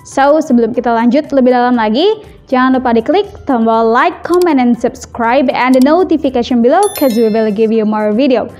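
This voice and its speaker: A woman English teacher from Indonesia gives a vocabulary lesson, mixing two languages and repeating words slowly for practice. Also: fairly high pitch, a little mellow, faint music behind.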